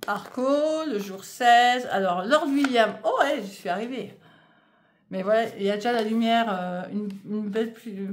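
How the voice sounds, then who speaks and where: A woman's voice: fairly high pitch, a little slow. Chatty woman knitting vlogger. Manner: chatty, hesitant, many fillers, apologizes for stumbling. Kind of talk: casual vlog chat, unboxing yarn. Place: home conservatory.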